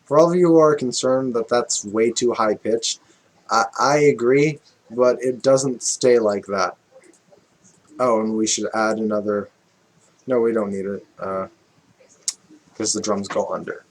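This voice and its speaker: A man's voice: fairly low pitch, unhurried, slight background noise. A man casually walking through a music production tutorial, thinking aloud with fillers and small self-corrections.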